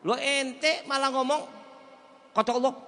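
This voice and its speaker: A man's voice: very high voice, steady tone, measured pace, pushed and bright. A male preacher, giving a weekly mosque sermon full of rhetorical questions to the audience and chanted Arabic phrases. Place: mosque hall. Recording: echoey hall reverb.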